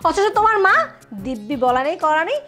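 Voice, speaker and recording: A woman's voice: high-pitched, sing-song, brisk, a bit bright, faint music behind. An actress playing a nagging young wife who scolds her husband about his mother. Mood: complaining. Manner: scolding, complaining, threatening to leave. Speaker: younger daughter-in-law. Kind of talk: village TV drama acting.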